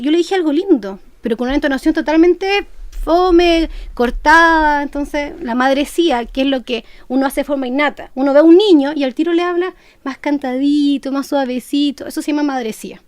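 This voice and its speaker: A woman with a Chilean accent, a guest expert on a radio talk show, explaining lively and acting out how parents talk to babies. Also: high voice, a little fast, dry recording. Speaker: guest kinesiologist.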